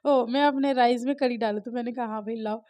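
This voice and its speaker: A woman's voice: a little high, steady tone, fast, dark tone. A woman from India, a mother, chatting casually to viewers in a home vlog. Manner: chatty, talks straight to viewers as "guys". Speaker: family vlogger and mother. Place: at home, indoors. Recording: dull lo-fi home recording.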